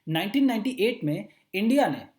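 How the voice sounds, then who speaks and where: Teacher with a roomy echo. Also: male voice, high-pitched, big pitch swings, a little mellow. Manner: reads English slowly phrase by phrase, then explains, with frequent check-ins. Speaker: exam-prep teacher. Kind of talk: editorial reading lesson mixing Hindi and English.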